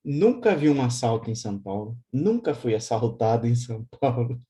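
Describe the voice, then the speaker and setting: A man hosting a spiritual study group, speaking in a calm, reflective way. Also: mid-range voice, normal speed.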